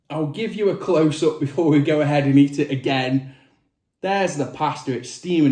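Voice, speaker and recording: A man giving a casual food review to camera as the host, with drawn-out, emphatic presenter phrasing. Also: high voice, a little mellow. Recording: roomy, echoey indoor sound.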